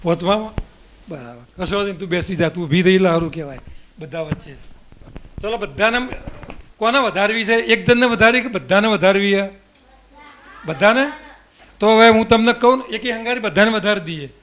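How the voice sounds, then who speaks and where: A high-pitched man with a Gujarati accent teaches a group of children. He leads a memory exercise, asking questions and repeating them to coax the class along. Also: fairly quick, long pauses, fairly bright tone, a little hiss or hum. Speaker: camp teacher. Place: indoor camp hall with children.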